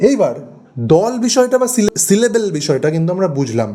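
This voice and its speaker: Mellow-voiced man teaching grammar slowly. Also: high-pitched, very animated. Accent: West Bengal Bengali. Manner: slow, deliberate, repeats and stretches example words. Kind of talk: exam-prep grammar lesson.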